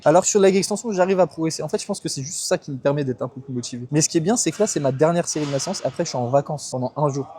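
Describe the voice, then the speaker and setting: A man's voice: a little high, mellow, a little hiss or hum. A young man in his twenties, a fitness coach vlogging casually from the gym, joking and teasing himself while talking straight to the viewer. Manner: joking, self-mocking, talks straight to viewer. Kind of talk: casual gym vlog talk.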